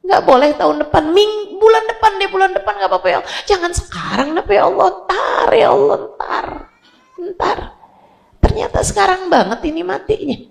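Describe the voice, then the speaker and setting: A woman's voice: expressive, normal speed, gravelly, heavily acted. Woman acting a dying sinner begging for time. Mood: desperate pleading. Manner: pleading, bargaining, high-pitched wailing.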